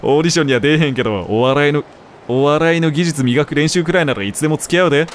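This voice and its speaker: A man voicing a gentle, easygoing male comedian in a put-on Kansai dialect. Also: on the high side, fast talker, slight background noise, natural voice. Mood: kind.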